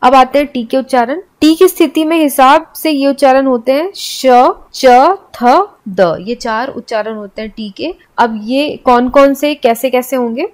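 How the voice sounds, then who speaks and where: Woman teacher going over pronunciation rules, spells stuff out letter by letter, slightly high voice. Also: a little slow, few pauses, darkish tone. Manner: explains step by step and spells out words letter by letter. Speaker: English teacher. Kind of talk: classroom explanation.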